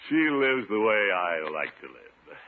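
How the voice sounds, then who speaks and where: A man's voice: lowish voice, very animated, measured pace. A man playing a boastful, jovial middle-aged uncle in a 1950s radio comedy, with a pompous, hearty, hesitating manner. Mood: self-satisfied. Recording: old radio recording, narrow band, hissy.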